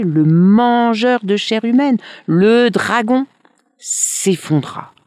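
A storyteller reads a fairy tale aloud, slow and unhurried, with expressive rises for the dramatic moments. The voice sits in a middle pitch. The recording is dry and close, with no room sound. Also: no echo.

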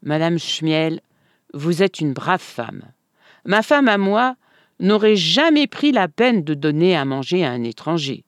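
A calm, stubborn village man voiced by a storyteller speaks slowly and deliberately. His lines rise and fall in lively pitch, heard close and dry. Storybook reading. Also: clear, resonant tone, no room sound.

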